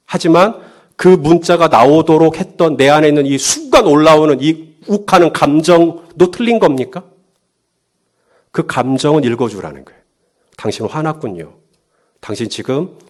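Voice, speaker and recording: A male pastor preaching a sermon, lively, firing rhetorical questions at the congregation and acting out quotes. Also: on the high side.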